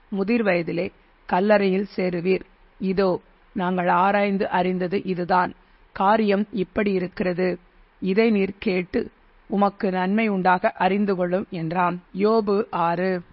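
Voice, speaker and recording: A man with a high voice reads scripture aloud. His delivery is steady and measured, like a recitation. The recording sounds dull and lo-fi. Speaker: Bible reader. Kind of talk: scripture reading.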